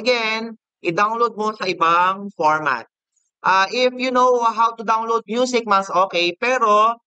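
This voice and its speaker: Filipino guy doing a software tutorial, smooth clear voice, dry close sound, casual, keeps checking in. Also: high-pitched, no echo. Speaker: teacher. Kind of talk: screen-recorded software tutorial.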